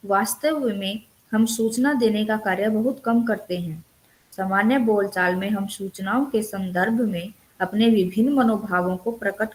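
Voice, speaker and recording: A woman teaching an online class, working through her notes line by line and pausing to explain each term. Her voice sits at a middle pitch for a woman, and the talk moves at a steady teaching pace. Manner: reads from notes and explains terms. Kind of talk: online lecture. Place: recorded online counselling session.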